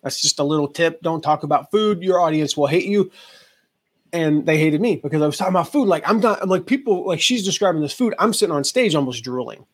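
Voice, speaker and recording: A man in his forties, a guest on a talk show, telling animated stories and acting out the people in them. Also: a little high, fast, breathy edge. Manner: animated storyteller, acts out quoted voices. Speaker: guest, affiliate marketing entrepreneur. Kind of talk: casual interview storytelling.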